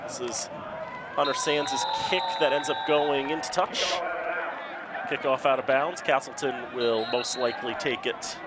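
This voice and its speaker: A man doing live play-by-play American football commentary, with excited, drawn-out touchdown calls, in a noisy outdoor stadium. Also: mid-range voice. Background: crowd and loud outdoor ambient noise.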